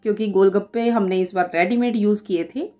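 A woman's voice: medium pitch, brisk, warm tone. A woman in her forties from India, explaining a home recipe step by step in a chatty voice-over with small fillers. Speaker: cooking vlogger.

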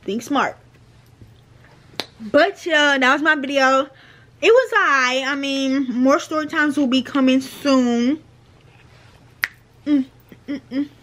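A woman's voice: sits high, takes it slowly, pauses often, a bit bright. A young woman vlogger telling a casual storytime, chatty and slangy, repeating her phrases.

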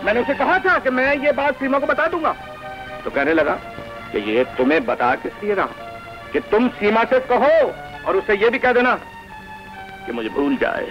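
An actor playing a wisecracking comic student friend who talks in a joking, teasing way, in 1980 film dialogue on an old film soundtrack with music. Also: male voice, extremely high pitch, wildly swooping pitch, long pauses, dull audio, heavily acted.

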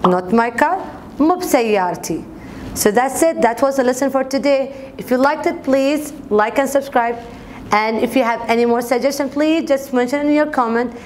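With a high voice at a moderate pace, a young adult language teacher and video host explains and repeats example words in a casual lesson filmed in a bright indoor office classroom. Slight background noise is audible.

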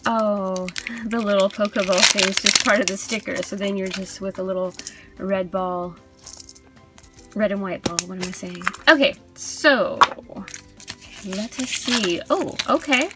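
A young adult woman with a mid-range voice speaks a little slowly while casually hosting a toy unboxing at an indoor tabletop display. She chirps and gushes about cute things as background music plays under her voice.

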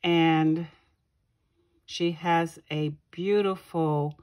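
Female craft vlogger, low-pitched and unhurried, admiring gifts in a casual show-and-tell. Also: fairly even intonation, a little mellow. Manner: slow, gushing, pausing often to find words. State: keeps clearing her throat. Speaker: craft channel host.

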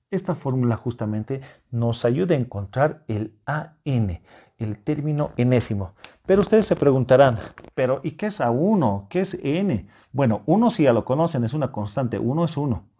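A man's voice: mid-range voice, warm tone, husky. A man teaching a math lesson to secondary students at a whiteboard. He explains step by step, reassures the class, and keeps checking that they follow. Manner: patient, explaining step by step with frequent check-in questions.

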